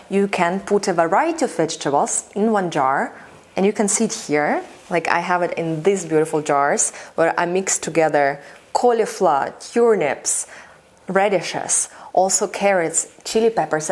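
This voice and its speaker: In her instructional videos, a Russian channel host teaches home fermentation straight to camera in a low, slightly mellow voice. Her delivery is conversational and full of enthusiasm, with "you know" coming up frequently.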